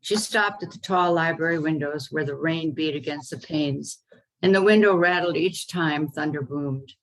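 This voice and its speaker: Lady author reading her kids story on a video call, calm, lower voice, few ums. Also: poor audio. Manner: unhurried reading with occasional ums. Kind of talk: reading aloud her own children's story.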